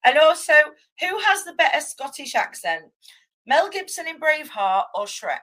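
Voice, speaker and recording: A woman's voice: high-pitched, very animated, moderate pace, a bit bright, low-quality recording. A woman hosting an informal interview as a casual chat, with a giggly, informal manner. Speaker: interviewer, show host.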